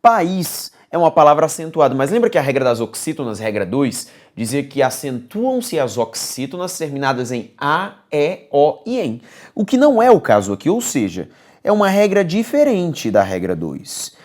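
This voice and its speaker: Man, Brazilian accent, grammar teacher, exam-prep lesson, lively, coaxing, repeats himself. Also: a little high, normal speed. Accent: Brazilian Portuguese. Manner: lively, coaxing, repeats key words, checks in with "beleza?".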